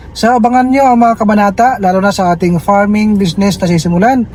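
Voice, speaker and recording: A man talking casually in a vlog from inside a parked car, switching between chatting to viewers and gently cooing to soothe his baby. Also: poor audio. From Philippines. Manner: soothing and cooing, high and sing-song. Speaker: farming vlogger and father.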